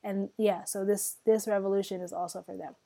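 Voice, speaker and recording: A woman's voice: medium pitch, little pitch movement, a little fast, vocal fry, mellow. A young woman from Sudan co-hosting a podcast, talking in an earnest, emphatic way with fillers. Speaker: podcast co-host. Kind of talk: casual podcast chat.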